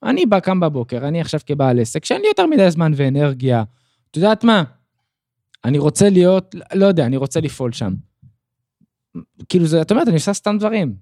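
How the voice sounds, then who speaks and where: A man's voice: on the high side, big pitch swings, a little mellow, no room sound, studio quality. A man co-hosting a podcast in casual chat, pressing with playful skeptical questions. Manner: questioning, playful devil's advocate. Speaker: podcast co-host.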